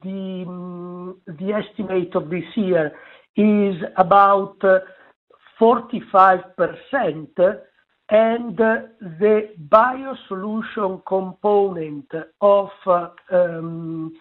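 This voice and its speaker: A man answering analysts on an earnings call, halting with many filler sounds, heard over a clipped, dropping phone line. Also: high-pitched, fairly even intonation. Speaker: company executive answering analysts.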